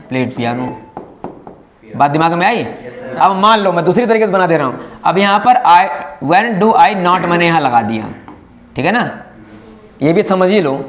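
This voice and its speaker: A hoarse male teacher leads a classroom grammar lesson in a somewhat high voice. He talks briskly, scolds, and keeps checking whether the students follow. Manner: brisk, scolding yet encouraging, often checking understanding. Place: school classroom.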